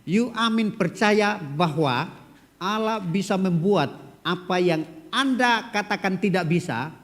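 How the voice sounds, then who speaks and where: A middle-aged male pastor with a rough voice, preaching an animated, joking sermon and calling on members of his congregation by name. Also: high voice, slow. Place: church hall. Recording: long church hall reverb.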